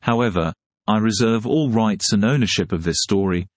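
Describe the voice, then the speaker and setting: Man, lowish voice, dry close sound; steady, measured read-aloud of a first-person account. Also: dry recording.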